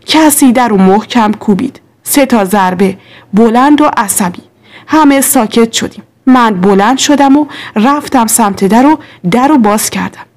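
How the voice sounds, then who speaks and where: Woman storyteller reading a drama story, measured, kinda high voice. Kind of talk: scripted first-person story narration.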